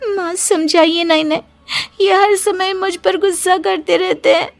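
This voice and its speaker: A woman's voice: high voice, flat delivery, normal speed, no room sound, faint music behind. A woman playing a meek, emotional young daughter-in-law in a cartoon moral story. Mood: tearful pleading.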